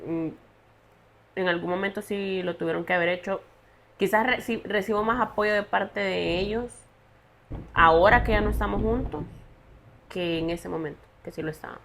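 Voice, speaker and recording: A young woman, telling her personal story as a podcast guest in an earnest, halting way. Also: medium pitch, a bit bright, slight background noise. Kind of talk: personal testimony in a podcast interview.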